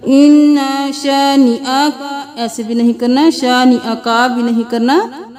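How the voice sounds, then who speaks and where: A woman recitation teacher who chants each phrase slowly and melodically, then gives rapid spoken corrections. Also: on the high side, steady tone, faint music behind.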